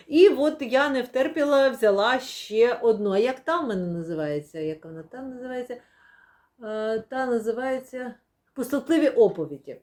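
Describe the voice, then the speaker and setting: A woman's voice: on the high side, a little mellow. A young woman chatting casually as she unboxes and shows new books, with many fillers and playful laughs. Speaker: book vlogger. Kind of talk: casual book unboxing chat.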